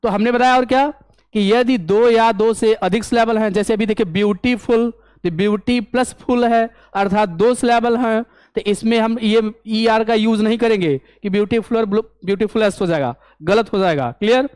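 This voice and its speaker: A man's voice: high voice, normal speed, a little mellow, smooth, no room sound. Male teacher, dry close sound, step-by-step exam lesson, asks and answers his own questions. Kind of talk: exam-prep English grammar lesson.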